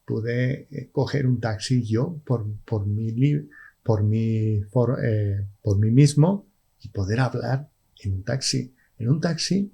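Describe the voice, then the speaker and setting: Slow, halting gravelly man. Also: mid-range voice, dark tone. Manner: slow, halting speech with many restarts. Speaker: podcast guest. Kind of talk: casual conversation.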